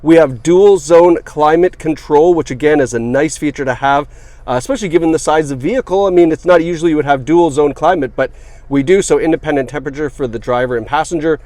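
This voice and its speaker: Pitched on the high side and a little mellow, this man talks fast, and there's no room sound. He's a car salesperson inside a car doing a casual, cheerful walkaround of one for sale, chatty and packed with fillers, and he has the hiccups.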